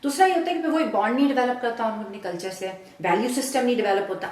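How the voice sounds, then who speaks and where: A woman's voice: a little high, darkish tone. A woman panelist in a casual discussion, explaining her points in a conversational way. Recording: roomy, distant mic.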